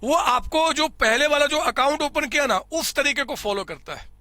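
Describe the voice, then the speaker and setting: Male tutor, very high and piercingly bright, step-by-step lecture, dry studio mic. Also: animated, moderate pace, dry recording. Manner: explains step by step, repeats numbers aloud, addresses students as children. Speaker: accounting teacher. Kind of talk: classroom lecture. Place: recording studio. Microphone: close studio mic.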